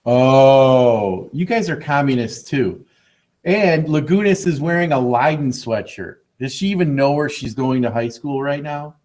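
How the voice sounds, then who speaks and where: A male teacher running a class over a video call, slow and deliberate in his pacing. He teases his students with a dry, sarcastic edge. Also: medium pitch, expressive, a little mellow. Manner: teasing, sarcastic. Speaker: biology teacher. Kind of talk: online class lecture.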